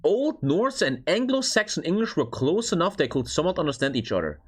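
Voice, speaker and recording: A man from Norway reacts live in a casual, excitable way. His voice is husky and sits a bit high for a man, with lively swings in pitch. He swears freely as he comments. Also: brisk. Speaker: streamer reacting to a history video.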